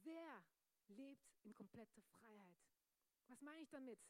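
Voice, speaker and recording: High-voiced young woman preacher. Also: unhurried, no room sound. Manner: energetic, laughs often, jokes with the audience. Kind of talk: lively youth sermon.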